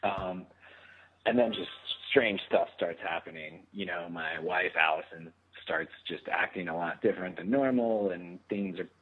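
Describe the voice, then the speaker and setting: Husky young actor on a phone line. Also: male voice, deep voice, measured pace. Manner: relaxed, rambling, many fillers, laughs easily. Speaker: guest actor. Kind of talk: casual phone interview.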